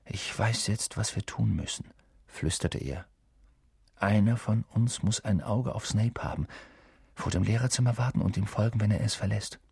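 A man reading aloud, voicing a determined young schoolboy in a hushed, earnest way. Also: lowish voice, normal speed, husky, no room sound, studio quality. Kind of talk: audiobook character voice.

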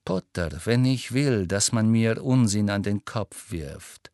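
A cold, sneering male teacher, voiced by a man reading a storybook. He speaks low and slowly with a drawl, in a dry, close recording. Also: animated, a little mellow, no room sound.

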